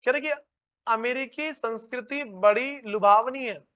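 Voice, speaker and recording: With a very high-pitched, smooth voice and a slightly slow pace, a male teacher delivers an informal lecture, treating his students like friends, calling them "brother," and checking often that they're keeping up. The recording is dull and lo-fi.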